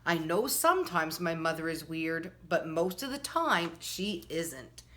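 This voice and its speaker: This storytime host has a deep voice with a sharp, sing-song tone. Reading a picture book expressively, she speaks slowly to the children in front of her and shapes her lines the way a storyteller would.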